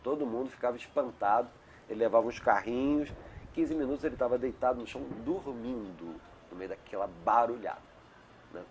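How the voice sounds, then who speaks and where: Chatty middle-aged man, medium pitch. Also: fairly quick, a little mellow, a little hiss or hum. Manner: chatty, digressive, frequent "né?" tags. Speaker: homeopathic doctor, interview guest. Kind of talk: casual conversational interview. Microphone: video call.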